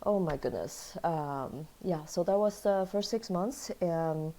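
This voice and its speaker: Chatting casually as an interview guest, a low-voiced woman from Taiwan and Kansas takes her time telling her story. She's animated and easygoing and laughs a lot.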